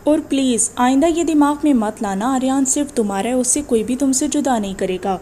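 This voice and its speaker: A woman's voice: sits high, mellow, a little hiss or hum, close to an everyday voice. A woman doing a doting, coaxing aunt. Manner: coaxing, affectionate. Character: doting, fussy middle-aged aunt.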